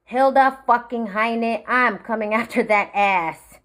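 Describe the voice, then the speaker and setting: A young woman from the Marshall Islands, ranting straight to camera in a profane, threatening way that sometimes sinks to a low, menacing murmur. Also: takes it slowly, a bit bright. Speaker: vlogger. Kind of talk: angry direct-to-camera rant.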